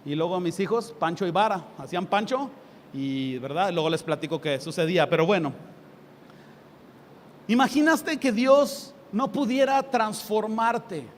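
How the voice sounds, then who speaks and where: High-voiced Mexican preacher in a hall. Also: male voice, unhurried. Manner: lively preaching with sarcastic asides and acted quotes. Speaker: pastor. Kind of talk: sermon. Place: church hall. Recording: reverberant hall with faint ambient noise.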